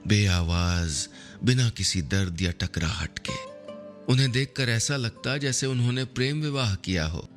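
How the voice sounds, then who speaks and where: A middle-aged man narrating a scripted story in a soft, measured, unhurried way. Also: lowish voice.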